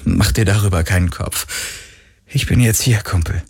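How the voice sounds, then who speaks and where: A man's voice: moderate pace, gravelly, slightly rough, full character voice. A man voicing a grieving but determined young hero in a German audiobook, speaking earnestly and with feeling. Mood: consoling. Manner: earnest and emotional, rising pitch.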